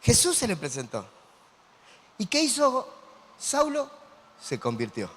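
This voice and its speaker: A man with an Argentine Spanish accent preaching a sermon as a pastor, animated and quizzing his congregation. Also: high-pitched, a little slow, breathy edge. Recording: long hall reverb.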